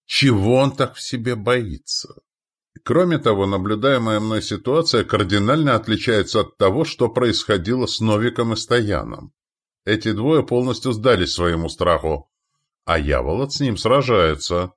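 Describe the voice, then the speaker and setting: A man narrating a first-person audiobook in a measured, wry manner. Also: fairly low pitch, expressive.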